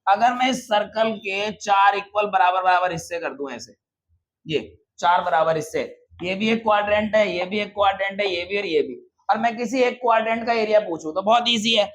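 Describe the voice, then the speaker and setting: A man teaching a maths class in a classroom, lively, often quizzing the students and answering his own questions, calling them brother. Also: high-pitched, poor audio. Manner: addresses students casually as brother.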